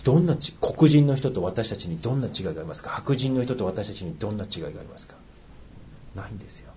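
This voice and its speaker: A middle-aged man with a Tohoku accent preaching a sermon, earnest, asking rhetorical questions and dropping into soft asides. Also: fairly low pitch, expressive, fast, a little hiss or hum. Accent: Tohoku dialect. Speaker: pastor.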